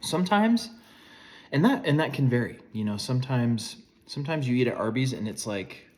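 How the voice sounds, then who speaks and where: A man's voice: medium pitch, animated, fairly quick, a little mellow. A man in his forties giving a casual food review, chewing as he talks between bites.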